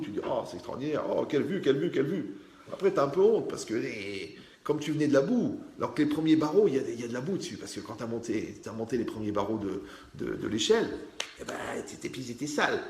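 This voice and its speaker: A man's voice: medium pitch, creaky, a little mellow, slight background noise. A man teaching a religious class, with a mid-range voice that rings through an echoey room. He mixes moral lessons with jokes and turns to address his listeners directly. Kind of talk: religious class lecture with humorous anecdotes.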